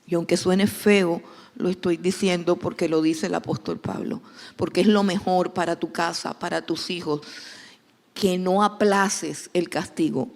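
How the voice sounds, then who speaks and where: A woman pastor delivers a sermon. She speaks emphatically and repeats key lines to drive them home. Her voice carries a long echo, as if recorded in a large church hall. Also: on the low side.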